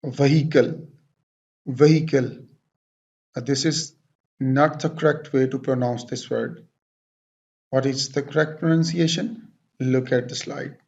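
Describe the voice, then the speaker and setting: A man teaching English pronunciation, repeating each word several times in a deliberate way and switching between English and Hindi explanations. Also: mid-range voice, fairly even intonation, gravelly, dull audio. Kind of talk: pronunciation lesson.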